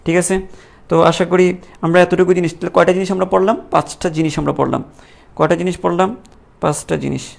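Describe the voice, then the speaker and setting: Gravelly male teacher drilling terms. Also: high-pitched, fairly even intonation, quick pace. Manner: drills terms in call-and-response, repeating each answer. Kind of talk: classroom lecture.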